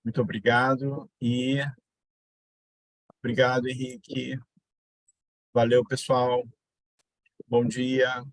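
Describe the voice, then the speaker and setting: A man's voice: medium pitch, level tone, slow, long pauses, no echo. A man teaching a grammar lesson, repeating example words and quizzing his students. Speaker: Portuguese teacher. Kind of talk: online exam-prep grammar lesson.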